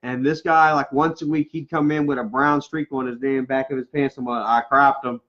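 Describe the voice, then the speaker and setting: A man in his thirties co-hosts a livestream, reading live comments and rambling casually with plenty of "man," "bro" and laughter. His medium-pitched voice is steady, moderately paced and fairly bright, over lo-fi livestream audio.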